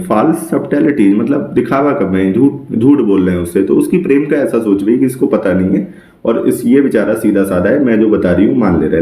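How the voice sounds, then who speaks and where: A man teaching an exam-prep literature lesson, explaining step by step, often checking with the class, and reading English lines slowly. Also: medium pitch, mellow, echoey room.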